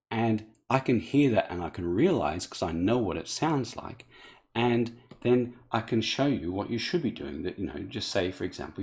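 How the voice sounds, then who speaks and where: A man's voice: on the low side, a little mellow. A man teaching pronunciation to camera, explaining tongue position in a conversational, instructive way. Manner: conversational, instructive, with small restarts. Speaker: animation and English pronunciation teacher.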